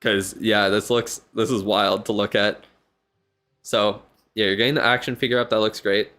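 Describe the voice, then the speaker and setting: Faint music plays behind a man streaming live, who sounds tired and yawns as he casually rambles through a viewer's game account. His fairly low, fairly bright voice moves at normal speed with fairly even intonation, and he thinks aloud with many fillers.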